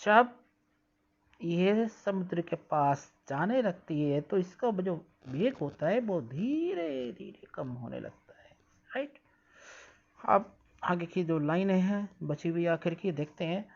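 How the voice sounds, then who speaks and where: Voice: medium pitch, animated. A teacher reading English sentences aloud and explaining them in Hindi, asking the pupils questions and drilling pronunciation. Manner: reads English lines slowly, then explains and drills pronunciation; asks questions to students and answers them. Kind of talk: classroom lesson explaining English text in Hindi. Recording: dull lo-fi sound.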